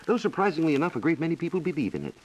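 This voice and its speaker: On a vintage recording of a 1940s radio program, a male science reporter reads scripted answers to listener questions. His voice is on the high side and a little mellow, with big pitch swings and a very fast pace. He sounds formal, precise and authoritative, though the audio is poor.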